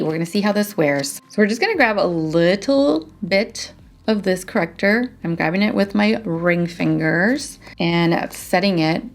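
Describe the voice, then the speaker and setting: A young woman vlogging a casual makeup product review, chatty and self-deprecating with quick asides. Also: lowish voice, gravelly. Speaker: beauty vlogger.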